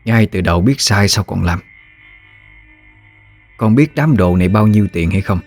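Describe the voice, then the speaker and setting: A man voicing a stern elderly grandmother who speaks slowly and calmly with firm authority. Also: lowish voice, faint music behind. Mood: stern commanding. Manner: slow, calm, authoritative.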